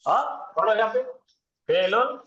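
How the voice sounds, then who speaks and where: In a roomy, dull, lo-fi classroom recording with a loud crowd, a high-voiced man teaches Arabic grammar at a measured pace. He uses call-and-response questions to quiz students and chants verb conjugations in rhythmic lists.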